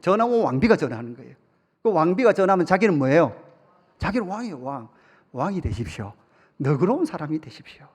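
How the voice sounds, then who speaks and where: A male pastor preaches in a fairly high voice, drawing the congregation in with questions and humorous stories. His voice rings through a church sanctuary with a long reverb tail. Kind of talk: sermon.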